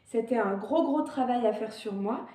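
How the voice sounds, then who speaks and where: Woman, casual advice talk, hesitant with fillers, higher voice, echoey room. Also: normal speed, mellow. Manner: hesitant, many fillers and restarts. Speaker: climbing vlogger.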